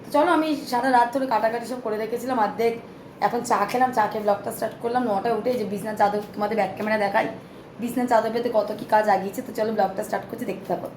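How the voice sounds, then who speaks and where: A young woman speaks in a rapid, chatty stream, addressing her viewers directly. Her throat is hoarse. She records on a phone held in her hand at home, with a faint background hum. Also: on the high side, fairly even intonation, a little mellow, poor audio. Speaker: vlogger. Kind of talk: casual home vlog talk to viewers. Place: small home flat.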